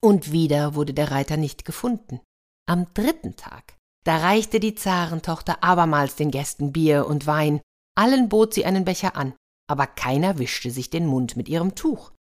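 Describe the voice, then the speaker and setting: A woman narrating a fairy tale for an audiobook in a lively way, speaking to her listeners. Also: low-pitched, normal speed. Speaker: storyteller.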